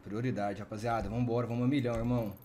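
A man with a Brazilian Portuguese accent playing a firefighter medic in a game roleplay, urgent and commanding, counting out loud as he works. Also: mid-range voice, fairly even intonation, rapid-fire, noisy background. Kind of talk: game roleplay over voice chat.

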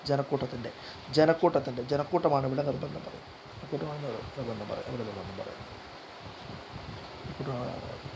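A man with a slightly raised pitch reads quiz questions one by one. He lists the options in an even rhythm and then repeats the right answer, stumbling now and then. A faint layer of noise runs under the recording. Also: low-quality recording. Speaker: quiz guide reader.

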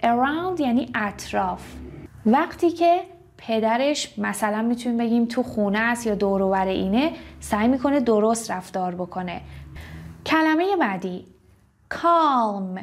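A young woman with a fairly high voice teaches vocabulary. She reads each example sentence slowly and carefully, then breaks the words down step by step. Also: expressive, slight background noise. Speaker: English teacher. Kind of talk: vocabulary lesson explaining words.

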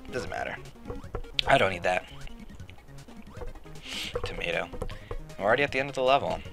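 Over game music, a deep-voiced young man, late teens to young adult, provides casual let's play commentary full of rambling jokes and self-mockery. His tone is slightly raspy with a bit of brightness.

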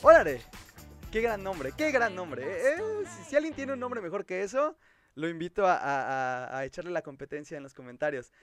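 A man's voice: sits high, sing-song, normal speed, a bit bright, faint music behind. A man with a Mexican Spanish accent, hosting a casual livestream and chatting as he reads viewer comments aloud and answers them. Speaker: livestream host.

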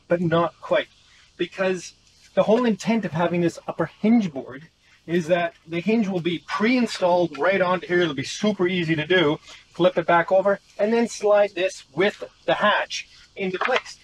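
Poor audio with a bit of hiss or hum carries the high-pitched voice of a middle-aged boat-living vlogger. Working outdoors on a wooden boat, he gives relaxed, upbeat how-to commentary step by step, recorded on a wide-angle action camera nearby.

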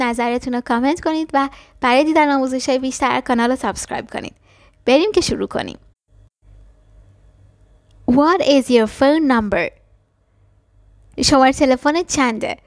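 A woman teaching a language lesson, explaining quickly and then repeating short phrases slowly and carefully. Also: high voice, dry recording, studio quality. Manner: switches between fast explanations and slow, careful repetitions. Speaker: English teacher.

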